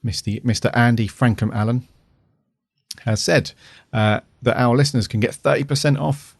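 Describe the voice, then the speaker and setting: A man's voice: mid-range voice, steady tone, moderate pace, gravelly, dry recording, clean studio sound. A man chatting casually as a podcast host. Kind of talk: casual chat.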